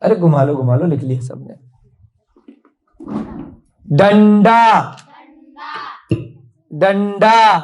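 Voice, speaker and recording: A woman's voice: a bass voice, fast, few pauses, mellow. A woman teaching a class, drilling words and asking the pupils questions.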